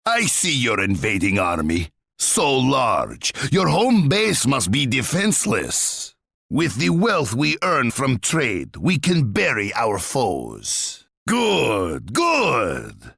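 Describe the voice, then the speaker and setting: An actor playing a boastful, bloodthirsty Russian tsar in a strategy game, with a pompous, menacing, theatrical delivery and a rough, gravelly voice. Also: male voice, medium pitch, pushed and bright, no room sound, clean studio sound, heavily acted.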